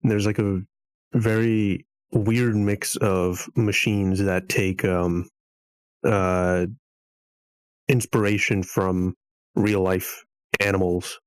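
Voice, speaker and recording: A man's voice: sits low, little pitch movement, takes it slowly, smooth, dry recording, low-quality recording. A man, a podcast guest, chatting casually in a hesitant, meandering way.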